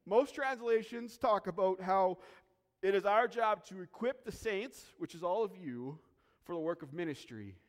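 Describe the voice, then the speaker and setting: A pastor preaching in a church sanctuary, his fairly high man's voice carrying with a long reverberant tail. He speaks earnestly and with emphasis, circling back to key phrases to drive them home. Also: expressive, normal speed. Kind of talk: sermon.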